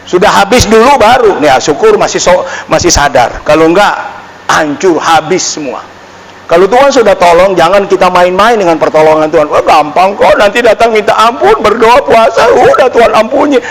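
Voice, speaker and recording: A pastor preaching a sermon with an Indonesian accent, emphatic, swinging from loud outbursts to low murmurs. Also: male voice, animated, normal speed, background noise. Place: church hall. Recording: church hall reverb, faint ambience.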